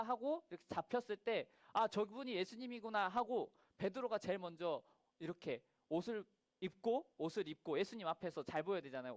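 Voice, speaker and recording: A man preaching to children in a church service, telling the story in a lively way, acting out the characters' lines and asking the children questions. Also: sits high, no echo. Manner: animated storyteller who acts out quoted lines and asks the children questions. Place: church worship room.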